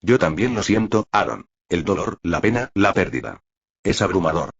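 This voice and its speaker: A man's voice: sits low, expressive, moderate pace, gravelly, breathy edge, dull audio, exaggerated voice. A man voicing a young woman ally in an audiobook, speaking firmly but with empathy. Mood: firm, caring. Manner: firm yet empathetic.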